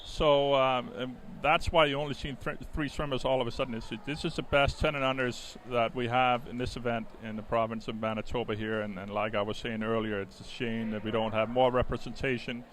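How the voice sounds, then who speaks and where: The live swimming commentary comes from a middle-aged Danish man, native in the language, talking a little fast with few pauses at medium pitch. Conversational and explanatory yet somewhat hesitant, he's backed by steady, clear swim-meet sounds.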